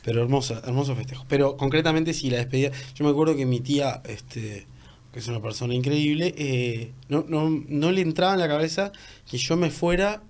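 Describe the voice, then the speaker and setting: A man in his thirties with a Uruguayan Spanish accent, a podcast guest telling travel stories in a relaxed way, with many fillers and restarts. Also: mid-range voice, brisk. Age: 30s. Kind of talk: casual podcast chat.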